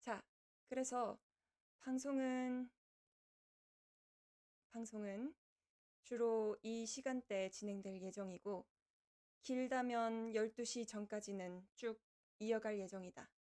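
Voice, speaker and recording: A woman's voice: a little high, fairly even intonation, slow pace, long pauses, darkish tone. A woman voicing a kindly, lordly female reaper from the underworld who chats to livestream viewers in archaic speech. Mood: composed, announcing. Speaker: virtual streamer hosting a debut live broadcast. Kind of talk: in-character livestream chat with viewers.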